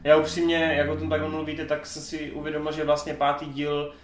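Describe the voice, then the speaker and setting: Laid-back Czech man, slightly high. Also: monotone. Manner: laid-back, brief interjections. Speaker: podcast co-host. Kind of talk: casual film chat. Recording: roomy echo.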